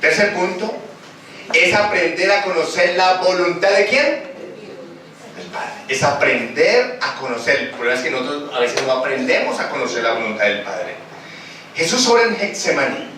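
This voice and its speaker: A man's voice: on the high side, lively intonation, moderate pace, bright, forceful tone. A man preaching a sermon, questioning the congregation and acting out scenes. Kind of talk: sermon with call and response. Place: church hall. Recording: echoey church recording from far off, noisy.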